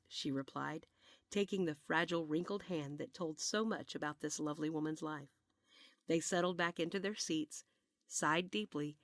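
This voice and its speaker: A woman narrating a short story in a gentle, measured way. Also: deep voice, no echo, studio quality.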